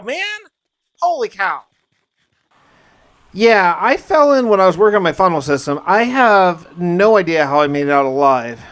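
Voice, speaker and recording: A somewhat bright, higher-pitched male voice narrates a survival challenge he played himself. The gaming video creator keeps it conversational and journal-like, adding a little roleplay.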